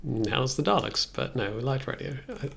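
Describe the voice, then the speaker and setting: Animated at a normal speed, a man in his thirties uses a mid-range, gravelly, creaky voice to think aloud while working on a music production livestream. He sounds casual and hesitant. There's faint noise in the recording, along with keyboard and mouse clicks.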